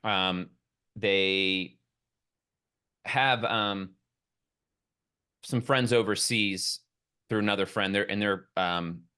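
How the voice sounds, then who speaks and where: Man, podcast guest, rather low voice, bright forceful tone, rambling enthusiastic talk. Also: slow pace, long pauses, clear, resonant tone. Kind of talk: casual podcast conversation.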